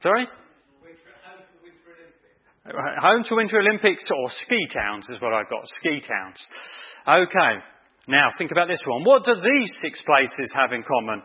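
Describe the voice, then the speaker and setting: Male preacher, conversational sermon, husky tone, muffled lo-fi church recording. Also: a little high, big pitch swings, a little slow, long pauses. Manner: chatty, quizzes the congregation. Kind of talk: evening sermon.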